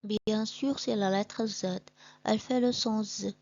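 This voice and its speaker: A woman leads an early reading lesson, spelling each letter and then the syllable in a slow, deliberate way. Her voice is mellow and warm, recorded dry and a little dull. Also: medium pitch, fairly even intonation, no echo. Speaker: reading teacher.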